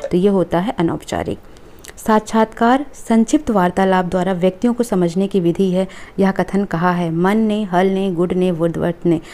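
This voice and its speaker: A woman's voice: on the low side, warm tone. A woman teacher, going through exam questions and reading out each answer option, often checking in with the class. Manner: reads multiple-choice options aloud, checks in with "ठीक है". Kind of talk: exam question review lesson.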